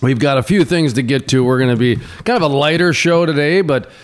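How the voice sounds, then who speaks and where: A man's voice: fairly high pitch, fairly quick. A man hosting a morning radio show with casual, chatty banter. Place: radio studio.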